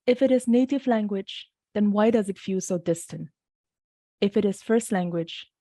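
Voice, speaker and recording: A Singaporean woman, a poet whose first language is Mandarin, reads her own poetry in a measured, unhurried way, adding short spoken introductions. Her mid-range voice sounds dark and a little off, as it does early in the morning. The recording is dry, with no echo.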